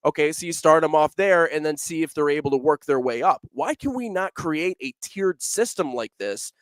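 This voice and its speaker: A man with a fairly high, expressive voice talks at a normal speed in a dry recording. He's hosting a sports podcast, rambling a bit as he reads listener comments aloud. His delivery is conversational, packed with fillers and restarts.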